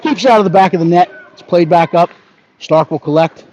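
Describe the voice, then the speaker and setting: A man giving brisk live hockey play-by-play, narrating each pass and leaning toward the home team. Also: high voice, a little mellow. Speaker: play-by-play announcer. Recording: dull lo-fi audio with faint background noise.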